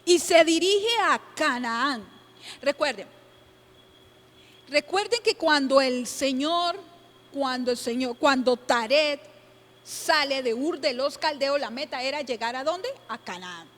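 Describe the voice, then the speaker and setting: A woman's voice: high-pitched, expressive, slow, a bit bright. A woman teaching a Bible study class, emphatic, asking her listeners questions and answering them herself, repeating key points. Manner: emphatic, exclaims "tremendo". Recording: long hall reverb.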